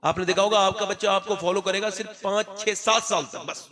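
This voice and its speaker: A man from India preaching at a religious gathering, speaking loudly and declaiming, rising to shouts as he tells stories. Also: high voice, steady tone, fairly quick, a crowd in the background.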